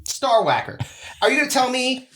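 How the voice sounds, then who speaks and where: A man's voice: very high-pitched, big pitch swings, moderate pace, background noise. A male podcast host tells stories in casual banter. He is sardonic and emphatic, with a crude comic streak.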